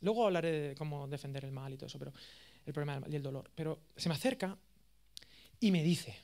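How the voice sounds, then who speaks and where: A man in his thirties with an accent from Spain, giving a course lecture as a lively, self-mocking storyteller. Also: on the high side, fast, gravelly. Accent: Spain Spanish. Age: 30s. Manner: animated, self-mocking, jokey.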